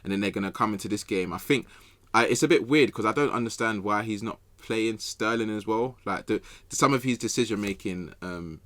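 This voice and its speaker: In casual, slang-heavy sports chat, a football podcast pundit gives his view, frequently repeating phrases to drive points home. His voice is on the low side and a bit bright, brisk, with no echo.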